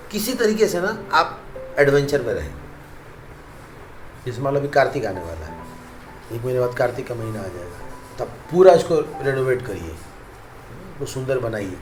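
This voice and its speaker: A monk preacher gives a casual devotional youth talk in Hindi mixed with English words, his mid-range voice sounding in an echoey room. He repeats phrases for emphasis and chuckles at his own jokes.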